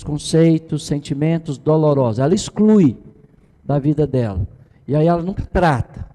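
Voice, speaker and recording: A man's voice: on the high side, mellow. Middle-aged man teaching with long reverb. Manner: conversational, tag questions, mimics the people he quotes. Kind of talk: informal church teaching.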